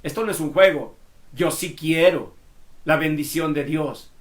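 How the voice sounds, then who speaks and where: A male pastor delivers a sermon in a fairly high voice and at a slow, deliberate pace. He leaps between loud, urgent exhortation and hushed near-whispers.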